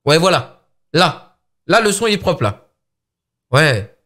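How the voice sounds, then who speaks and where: Chatty tech reviewer, slightly high. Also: male voice, sing-song, slow, fairly bright tone. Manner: chatty, frequent fillers. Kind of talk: casual phone unboxing review.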